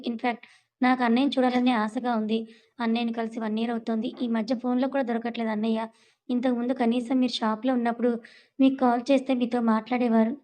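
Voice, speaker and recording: Brisk woman reading a serialized story. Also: on the high side, rough recording. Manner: reads every character's lines in her own voice, brisk and even.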